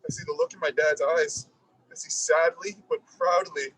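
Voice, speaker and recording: A man giving a reflective, halting eulogy at a graveside service. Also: fairly high pitch, fairly bright tone, no room sound, recorded from a distance, rough recording. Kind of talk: eulogy speech. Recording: husky voice picked up from afar.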